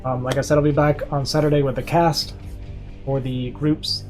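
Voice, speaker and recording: This is casual livestream chat from a young male streamer and caster at his computer, faint music playing underneath. His medium-pitched voice is darkish, flat, and moderately paced, worn from talking as he rambles upbeat with lots of fillers.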